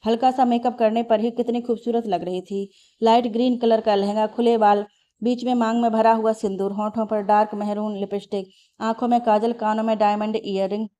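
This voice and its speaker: Woman reading a story out loud, warm mellow voice, steady and even. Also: fairly high pitch. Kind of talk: read-aloud story narration.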